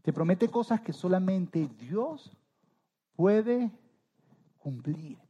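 Man, pastor, sermon, slightly high voice, mellow tone, emphatic rises, soft trailing endings. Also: expressive, extremely slow, breathy edge, dull audio.

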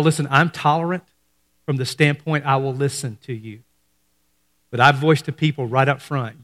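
A man's voice: mid-range voice, big-room sound. A man preaching a sermon as pastor, talking conversationally to his congregation and dropping his voice for emphasis. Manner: conversational preaching, acts out quoted voices, drops to hushed emphasis.

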